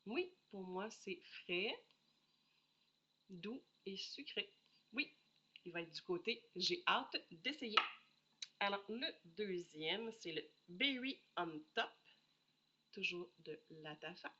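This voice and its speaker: A woman's voice: medium pitch, lively intonation, takes it slowly, pauses often, sharp tone, lo-fi sound. A woman with a Québécois French accent chatting casually as she reviews perfume samples, thinking aloud and apologizing often, with a head cold. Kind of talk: casual solo review chat.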